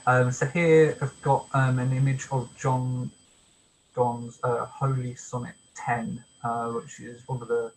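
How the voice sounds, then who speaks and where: A man leading a poetry workshop, explaining step by step in a casual lecture style, with many pauses and ums. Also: medium pitch, little pitch movement, slight background noise, poor audio. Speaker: workshop leader. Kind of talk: informal online workshop lecture.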